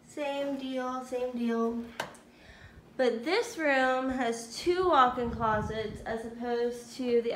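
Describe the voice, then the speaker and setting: A young woman in her twenties with a slightly high voice chats upbeat as she walks through a bare apartment with a phone camera. The empty rooms ring with echo, and a faint hiss sits underneath. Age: 20s. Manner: chatty, upbeat, says "cute little" a lot. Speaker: vlogger. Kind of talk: casual house-tour vlog. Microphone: handheld phone camera.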